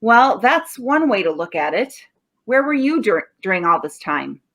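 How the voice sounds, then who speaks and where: Woman as animated, sardonic police sergeant Guffey. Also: medium pitch, normal speed. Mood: suspicious. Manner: sardonic, interrogating. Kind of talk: 1940s radio drama acting.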